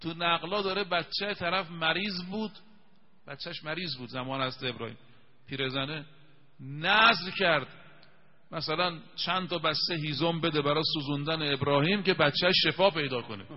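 Emphatic male preacher, slightly raised pitch, long reverb on the sound. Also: muffled recording. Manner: emphatic storytelling, slows to recite scripture. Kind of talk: televised religious sermon.

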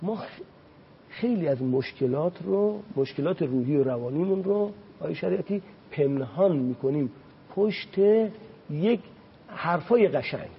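A man speaking as a religious guest on a talk show, preaching with passion and slowly reciting Arabic quotations. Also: fairly high pitch, expressive, gravelly, dull audio, a little hiss or hum. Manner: impassioned, rises sharply on points.

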